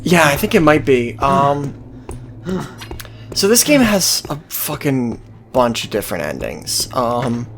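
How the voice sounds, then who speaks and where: A game commentator talks casually and off the cuff over gameplay, sweary, sardonic and offhand. His mid-range voice is fairly bright, moves slowly with big pitch swings, and carries a little hiss or hum.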